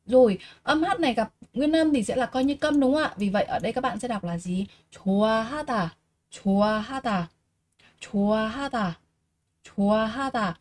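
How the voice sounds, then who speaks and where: Woman teaching vocabulary, slightly high voice. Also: animated, a little mellow. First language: Vietnamese. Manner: slow, repeats each word three times and explains patiently. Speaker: Korean language teacher. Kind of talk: vocabulary lesson, reading words aloud.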